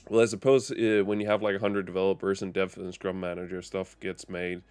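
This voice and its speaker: A man chats loosely while streaming a game, wandering off and correcting himself mid-thought. His voice sits a little low. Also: flat delivery, brisk, darkish tone, smooth. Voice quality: rambling, self-correcting. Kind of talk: casual live game stream chat.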